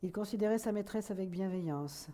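A woman reading a literary novel aloud in a measured, soft manner that at times sinks to a whisper. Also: medium pitch. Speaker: audiobook reader. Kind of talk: literary audiobook narration.

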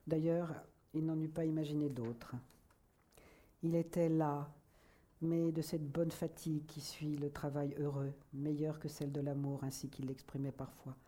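A woman reading a literary novel aloud in a measured, soft manner that at times sinks to a whisper. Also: low-pitched, level tone. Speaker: audiobook reader. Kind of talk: literary audiobook narration.

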